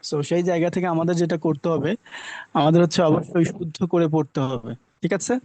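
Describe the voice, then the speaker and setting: A man's voice: a little high, fairly even intonation, a little fast, mellow, a little hiss or hum, rough recording. A young man from Bangladesh teaching English phonics to children, drilling letters and words with repeated questions.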